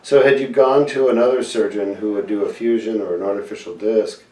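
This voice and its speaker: A surgeon interviews his patient and explains procedures in plain language, speaking straight to viewers. His voice is fairly low, steady, brisk and warm, caught by a distant mic in an echoey room.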